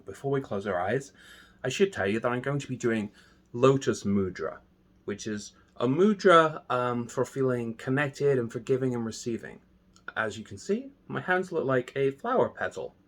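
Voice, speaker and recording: A man teaching a guided meditation. He is upbeat at first, then soft and slow as he guides the breath. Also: mid-range voice.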